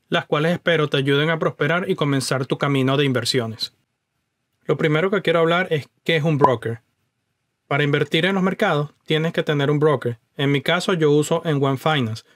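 Higher-voiced man explaining investing. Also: no room sound, studio quality. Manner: conversational and explanatory, addresses the viewer directly; mixes in English words. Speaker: personal finance YouTuber. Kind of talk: explaining investing over screen recordings.

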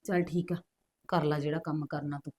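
A woman's voice: low voice, level tone, brisk, mellow, husky. A middle-aged woman acting a scheming mother who eggs her daughter on in a family drama. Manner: scolding, scheming. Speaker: mother of the wife.

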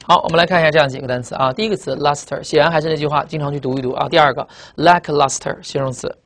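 A man teaching English vocabulary in Mandarin, repeating each word and explaining it with memory tricks and a steady stream of filler sounds. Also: on the high side, racing. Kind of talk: recorded vocabulary lesson.

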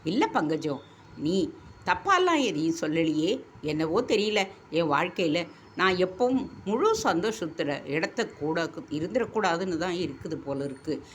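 A woman's voice: fairly low pitch, lively intonation, a little slow, slight background noise. Woman voicing a weary, troubled young wife. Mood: sorrowful.

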